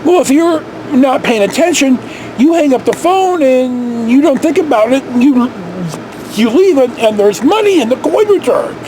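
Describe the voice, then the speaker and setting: A middle-aged American vlog host tells personal stories in a casual, rambling way, reminiscing with salty, sweary animation. His voice is very high-pitched at a moderate pace, recorded indoors on a camera held at arm's length, with poor audio and a little hiss or hum.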